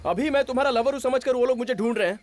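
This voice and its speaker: A man dubbing a harried young hero in a Hindi film, pleading and exasperated, with loud music behind. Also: very high-pitched, very fast. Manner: pleading then irritated, exasperated.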